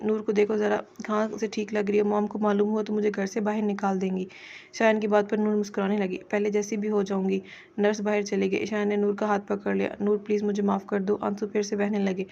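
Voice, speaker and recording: A woman reading a romance novel aloud in a steady, even voice, with some stumbles over words. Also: mid-range voice, a little fast, creaky, dull audio. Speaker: novel narrator.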